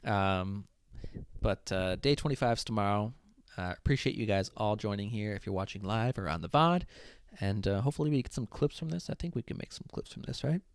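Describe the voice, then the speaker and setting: Loud young man hosting a livestream. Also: on the low side, a little fast, clean tone, no room sound, clean studio sound. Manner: loud, animated, talks to chat. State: voice giving out. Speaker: livestream host. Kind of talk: casual livestream chat.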